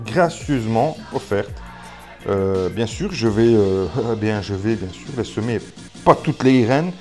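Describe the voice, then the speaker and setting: A man's voice: lowish voice, warm tone. A man from Belgium, chatting casually to camera about his seeds, full of fillers and restarts and self-mocking asides. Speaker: gardening YouTuber. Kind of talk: casual vlog talk to camera.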